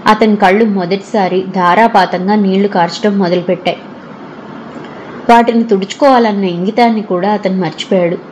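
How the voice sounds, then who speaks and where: A woman reads a scripted novel aloud in a steady, expressive storytelling voice. Her pitch is ordinary, neither high nor low, and faint background noise sits under the reading. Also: normal speed, poor audio. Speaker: audio novel narrator. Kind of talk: scripted narration.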